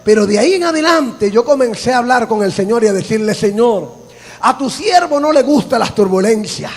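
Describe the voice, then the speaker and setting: A man preaching a sermon, fervent and often shouting, telling stories with laughter. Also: very high-pitched, animated, fairly quick. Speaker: pastor. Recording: long hall reverb.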